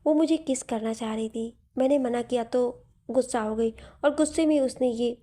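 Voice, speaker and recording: Storybook casting: a woman playing a shy, defensive young man, mellow tone. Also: a little high, moderate pace, close to an everyday voice. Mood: sulky. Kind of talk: storybook narration.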